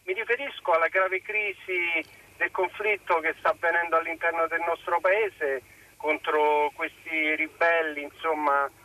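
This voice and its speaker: A man calling in by phone to a radio show, speaking politely and earnestly and pausing often with fillers. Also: a little high, steady tone, bright, forceful tone. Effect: voice heard over a phone line on a radio call-in. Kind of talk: formal phone-in appeal.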